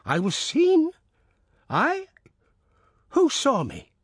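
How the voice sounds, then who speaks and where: A man's voice: high voice, big pitch swings, measured pace, no echo, clean studio sound, pitched above the performer's own voice, full character voice. A man voicing an old country peasant who protests his innocence in an agitated way. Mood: alarmed.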